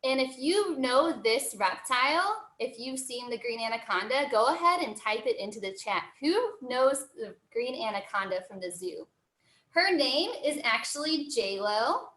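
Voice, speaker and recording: An American woman zoo educator teaches children in a live online lesson over video call from an indoor room, with a cheery, encouraging zookeeper manner. Her voice is high-pitched, expressive, unhurried and a bit bright, and the sound is roomy and echoing.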